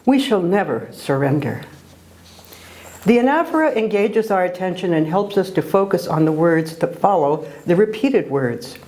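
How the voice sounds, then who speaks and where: A woman giving a scripted lecture on poetic devices, measured and deliberate, slowing down to read quoted lines. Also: fairly low pitch, expressive, darkish tone, rough recording. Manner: measured, reads quoted passages slowly. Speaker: literature lecturer.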